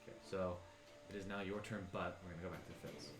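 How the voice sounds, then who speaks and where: A man narrating as game master, relaxed and full of ums and restarts. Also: low voice, fast. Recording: roomy, loud music behind. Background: loud music.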